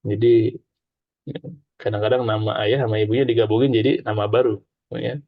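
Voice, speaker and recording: A man's voice: fairly low pitch, steady tone, a little fast, dry recording. A man teaching an informal Arabic class, chatty, explaining with examples and having students repeat after him. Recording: dull lo-fi dry recording.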